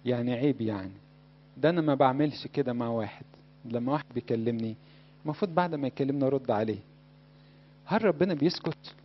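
A man's voice: medium pitch, quick pace, pauses often. A man with an Egyptian Arabic accent preaching a sermon in a conversational way, often putting questions to his listeners. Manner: conversational, asks the audience questions. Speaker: Coptic preacher. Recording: dull lo-fi recording.

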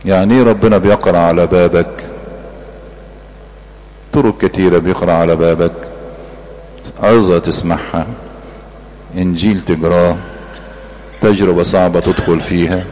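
A man with an Egyptian Arabic accent preaches in a very low voice, earnest and emphatic. He builds his points by repeating short phrases. The sermon rings with long hall reverb over a faint background hum. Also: steady tone, normal speed, long pauses, a little mellow.

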